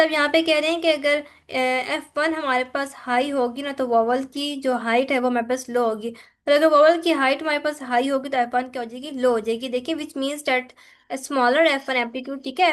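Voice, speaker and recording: A woman with a Pakistani accent teaching a phonetics lesson, walking through slides, often pausing to check and drawing out examples slowly. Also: high voice. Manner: mixes Hindi-Urdu with English terms, repeats "ठीक है", slows to spell out examples. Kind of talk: lecture explaining slides.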